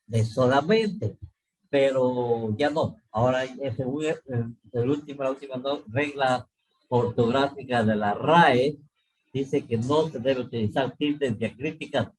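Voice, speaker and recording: A middle-aged man teaching a class over a video call, explaining slowly, repeating points and checking often that students follow. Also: medium pitch, breathy edge, poor audio. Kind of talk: online class lecture.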